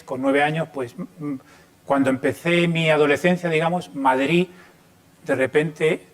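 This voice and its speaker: A man in his fifties, from Chile, giving an informal talk to students, pausing often with fillers and restarts. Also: mid-range voice. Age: 50s. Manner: hesitant, many fillers and restarts. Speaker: lighting designer giving a talk.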